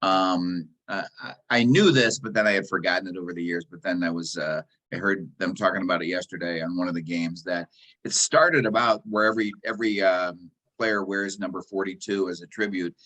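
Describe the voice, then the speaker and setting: A man's voice: sits low, a little fast, a bit bright. A man of sixty hosting a casual chat show, easygoing and agreeable, with short affirmations. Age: 60s. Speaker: podcast host.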